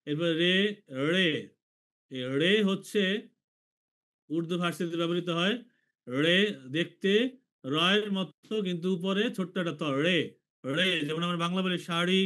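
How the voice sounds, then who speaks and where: A man from Bangladesh teaching an online language class, slowly repeating each letter for his students. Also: sits high, fairly bright tone. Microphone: video call.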